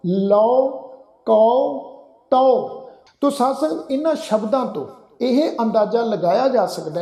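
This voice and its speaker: A man teaching correct pronunciation of scripture in an earnest, religious-lesson manner, speaking to his listeners as a congregation and reciting verses slowly. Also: extremely high pitch, gravelly, mellow. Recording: echoey hall reverb.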